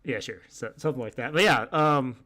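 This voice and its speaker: A man's voice: mid-range voice, a little fast, pushed and bright. A man hosting a podcast in a casual chat, rambling with plenty of fillers and frequent laughter. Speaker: podcast host.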